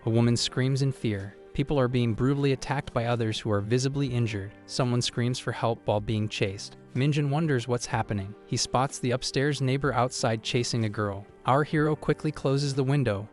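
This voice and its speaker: A man narrating a comic recap in a steady, scripted storytelling delivery. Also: mid-range voice, moderate pace, hardly any pauses, faint music behind.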